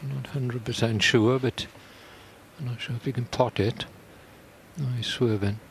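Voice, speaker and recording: A man giving conversational live snooker commentary in an informal, unhurried manner. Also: mid-range voice, steady tone, background noise.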